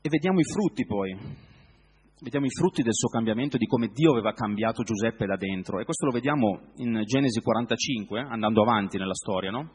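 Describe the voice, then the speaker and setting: A man preaching a sermon in a reflective way, often pausing to search for words. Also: medium pitch, breathy edge, big-room sound.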